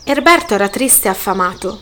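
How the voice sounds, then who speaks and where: A woman reading a children's picture book aloud, gentle and lively. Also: medium pitch, a little fast, a little hiss or hum. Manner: gentle, lively read-aloud with voiced characters. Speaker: storyteller.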